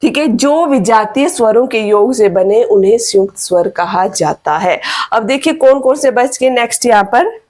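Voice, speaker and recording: A woman teaching an online grammar lesson, slowly repeating definitions so students can write them down. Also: fairly high pitch, animated, darkish tone. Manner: slow, repeats definitions for dictation.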